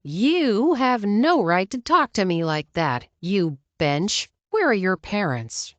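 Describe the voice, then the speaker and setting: A woman voicing a shrill, demanding entitled mother around thirty who yells at a stranger. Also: very animated, slow pace, dry recording. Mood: shrill angry. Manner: shrieking, demanding.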